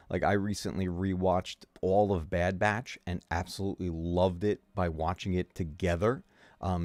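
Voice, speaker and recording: A male gaming streamer chats casually with his viewers in a deep voice with a darkish tone, filling his talk with ums and uhs. He has a sore throat and his voice is fading. The recording is dry.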